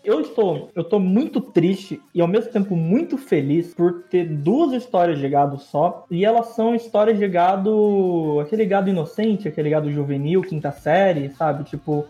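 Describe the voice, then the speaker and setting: A man's voice: high voice, expressive, normal speed, hardly any pauses, dark tone, lo-fi sound. A man with a Brazilian Portuguese accent hosting a podcast, chatting casually and teasing his guests into telling stories. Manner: teasing, prompting others. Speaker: podcast host. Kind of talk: casual chat.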